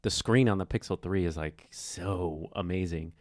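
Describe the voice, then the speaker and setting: A man co-hosting a casual podcast, playful and teasing, with quick reactions. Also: sits low, darkish tone, no room sound, clean studio sound. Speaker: podcast co-host. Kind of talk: casual chat.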